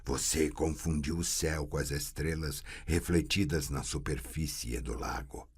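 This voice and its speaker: A man voicing an inhuman, cold and menacing metallic voice that speaks slowly with cruel scorn. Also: a bass voice, breathy edge, exaggerated voice.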